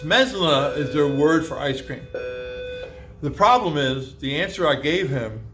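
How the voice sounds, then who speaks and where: A man's voice: on the high side, lively intonation, unhurried, fairly bright tone, soft background music. A man teaching a class, lecturing in a conversational way with lots of fillers and rhetorical questions, spelling words out letter by letter. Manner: spells words out letter by letter and sounds out old pronunciations.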